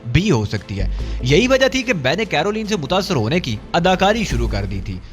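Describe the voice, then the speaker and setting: A male storyteller reads a thriller audiobook in a high, animated voice that swings widely in pitch. His delivery is dramatic and scripted. Faint music plays underneath.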